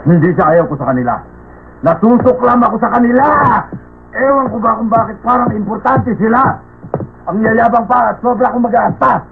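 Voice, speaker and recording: A man's voice: on the high side, a little fast. A man dubbing a grumpy middle-aged male grocer who scorns nobles, talking in a blustering, scornful way in a cartoon. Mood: indignant. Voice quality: blustering, scornful, clears throat. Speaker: shopkeeper. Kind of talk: Tagalog cartoon dub. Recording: tinny lo-fi dub with faint music.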